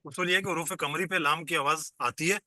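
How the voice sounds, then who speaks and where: A man's voice: on the high side, fairly even intonation, sharp tone, dry recording. A man teaching an online class, explaining patiently step by step and quizzing his students as he goes, heard over a video call.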